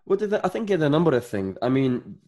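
A man's voice: fairly high pitch, very animated, quick pace, a little mellow. A man in his thirties from Northern Ireland, a podcast guest chatting casually and rambling with many fillers. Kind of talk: casual interview chat.

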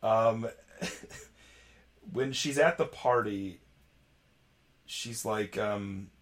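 A man's voice: lowish voice, extremely slow. A man on a podcast panel retelling scenes in casual chat, laughing often.

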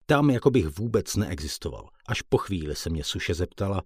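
A man with a deep, husky voice narrates a first-person audiobook in a plain, colloquial way. The recording is dry and close, with no room sound. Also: very animated, darkish tone, no echo.

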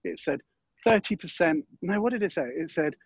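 A man's voice: on the high side, expressive, moderate pace, creaky, breathy edge, dry recording, dull audio. A man being interviewed, talking in a thoughtful way, often restarting and weighing both sides. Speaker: guest. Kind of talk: interview conversation.

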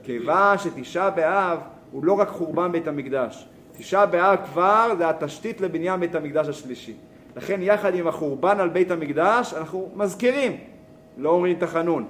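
A man's voice: fairly high pitch, slight background noise. A man teaching a Torah lesson, asking rhetorical questions and telling a story. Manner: animated, asks rhetorical questions.

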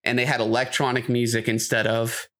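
Speaking fairly quickly with a flat delivery, this male podcast co-host has a medium-pitched, fairly bright voice. He chats casually and offers opinions in an informal way.

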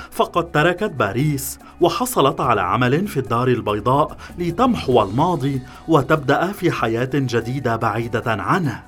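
A man reading a scripted thriller story in a measured, even way. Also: mid-range voice. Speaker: narrator.

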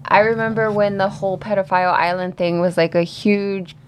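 A woman's voice: medium pitch, steady tone, fairly quick, slight background noise. A woman co-hosting a conversation in a casual, conversational style. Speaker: podcast co-host.

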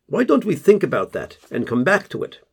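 A man voicing a calm, soft-spoken male group therapist who speaks in a measured, gently probing way. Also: a little high, vocal fry, breathy edge, pitched above the performer's own voice, exaggerated voice.

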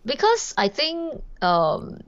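A woman's voice: sits high, huge pitch swings, slow pace. Singlish-speaking woman, slightly dull sound. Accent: Singaporean English (Singlish). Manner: agreeable, colloquial, uses Singlish particles. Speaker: podcast co-host. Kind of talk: casual chat in colloquial Singlish.

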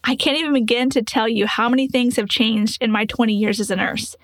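A woman's voice: on the high side, steady tone, a little fast, dry recording. A woman in her forties, a nurse hosting a podcast, telling a patient story and teaching in an earnest, explanatory way with rhetorical questions.

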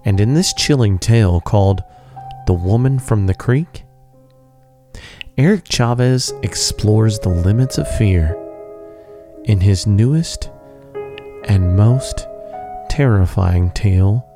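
A man's voice: on the low side, animated, takes it slowly, long pauses. A man introducing a scary tale as a horror host, with theatrical, ominous scripted delivery. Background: music.

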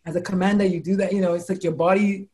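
Talking fast, a woman aged 40 or older, an American doctor and life coach, shares animated stories in a relaxed interview. She acts out the quotes with high-pitched exclamations.

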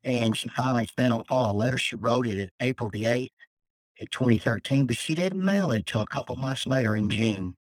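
A man's voice: medium pitch, brisk, dry recording, low-quality recording. Earnest man giving a faith testimony. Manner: earnest and emotional. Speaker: death row inmate guest. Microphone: phone call.

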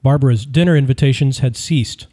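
A man reading a true-crime audiobook in scripted narration, measured and even. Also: medium pitch.

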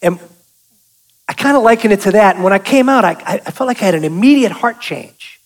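A South Boston man with a high, expressive voice, talking a little fast, is a guest speaker giving a testimony sermon. He's folksy and joking, calling out to the congregation as he goes.

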